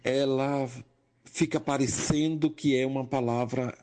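An older man with a Pernambuco accent, a nurse and educator, giving a slow, measured personal testimony that rises in emphasis on key points. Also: mid-range voice, steady tone, a little mellow. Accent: Pernambuco Portuguese. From Brazil, Pernambuco.

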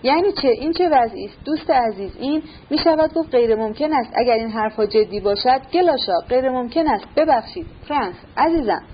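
A man's voice: very high-pitched, expressive, few pauses. A woman reading aloud as a flustered, stammering elderly general, an anxious father. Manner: stammering, exclamatory. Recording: muffled recording with faint hiss.

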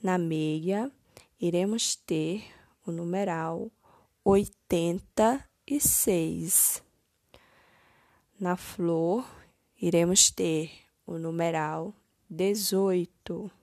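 A woman teacher, slowly correcting first-grade homework step by step, stressing each word. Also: fairly low pitch, a little mellow, no room sound, studio quality.

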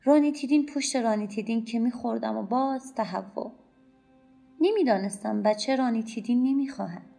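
Gravelly-voiced woman narrating a story. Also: on the high side, warm tone. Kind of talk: scripted audiobook narration. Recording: faint music bed under voice.

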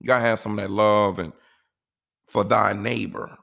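Low gravelly man, laid-back rambling talk. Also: level tone, moderate pace, fairly bright tone. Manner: laid-back, rambling, repeats "you know". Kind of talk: casual monologue giving life advice.

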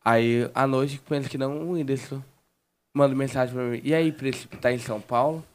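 A man's voice: mid-range voice, fairly even intonation, normal speed, a little mellow. A man telling a long personal story in casual chat, rambling and restarting his sentences often. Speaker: guest.

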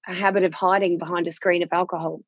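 Husky Australian woman, frank and chatty. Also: fairly low pitch, level tone, fast, no echo, muffled recording. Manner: frank and chatty, with casual Aussie slang. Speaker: guest. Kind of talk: candid personal interview.

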